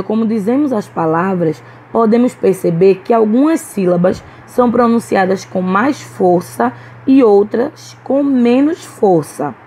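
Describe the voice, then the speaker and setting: A primary school teacher with a Brazilian Portuguese accent gives a recorded online lesson to young children, patiently sounding out words syllable by syllable. Her mid-range voice is darkish, and the poor audio carries a little hiss or hum.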